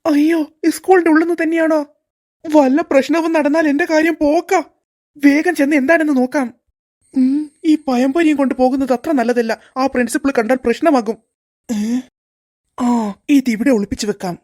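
A woman's voice: high-pitched, steady tone, brisk, darkish tone, lightly acted. A woman voicing a sneaky middle-aged male school security guard in a cartoon, muttering fondly to his snack and fretting about the principal. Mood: fretful. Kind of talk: cartoon voice acting.

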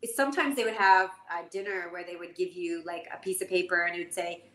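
A woman in her forties from Canada, a jockey guest telling stories in an animated, casual way full of fillers. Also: lowish voice, fast talker. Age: 40s. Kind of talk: casual interview storytelling. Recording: echoey room, faint noise.

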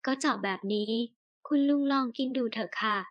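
A woman's voice: a little high, normal speed, dry recording, dull audio, lightly acted. A woman voicing a confident, kind young wife in an audiobook, speaking in a cheerful, reassuring manner. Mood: assured, caring.

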